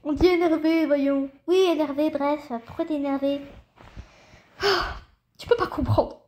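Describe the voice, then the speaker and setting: A woman's voice: high-pitched, a little slow, a little mellow, a little hiss or hum. A woman voicing a fussy, worried father of a teenager in a toy-game story, exasperated and fretting. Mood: stern.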